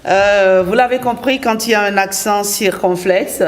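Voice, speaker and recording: A man's voice: sits high, normal speed. A man co-hosting a morning TV show, affirming and summing up the lesson for viewers. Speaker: TV co-host. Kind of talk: casual studio chat.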